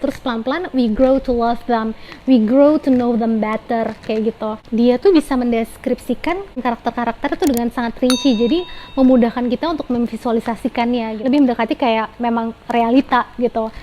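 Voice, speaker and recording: A woman's voice: on the high side, a little mellow, rough recording. Young female book reviewer, casual code-switching, slight background noise. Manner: chatty, mixes English into Jakarta slang.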